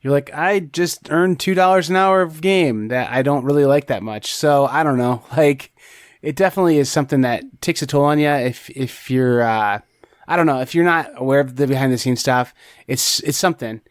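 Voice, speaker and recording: Co-hosting a board game podcast, a man chats casually and rambles, full of fillers and restarts. His medium-pitched voice moves at a normal speed, recorded clean in a studio with no room sound.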